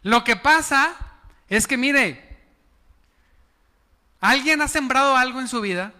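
A man's voice: very high-pitched, lively intonation, takes it slowly, bright, forceful tone, big-room sound. A man preaching a sermon as pastor, chatty and often asking the congregation questions. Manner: conversational, asks the congregation questions. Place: church.

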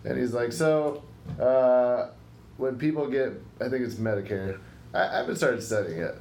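A man's voice: medium pitch, normal speed, a little mellow. Rambling young man in a roomy room. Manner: rambling, hesitant, many fillers. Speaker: podcast co-host. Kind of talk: casual chat. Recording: roomy room, faint hiss.

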